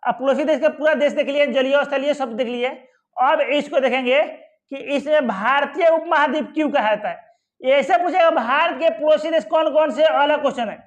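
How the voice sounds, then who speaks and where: An extremely high-pitched male teacher talks at a moderate pace in a muffled clip. His exam-prep geography lesson at a map has him quizzing and then answering himself, with frequent comforting asides like "ठीक है" and "आराम से".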